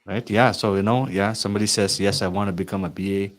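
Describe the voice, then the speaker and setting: This IT consulting coach talks quickly in a steady tone, his voice on the low side. Addressing viewers in a promotional talk, he argues earnestly and persuasively and keeps tacking "right?" onto his sentences.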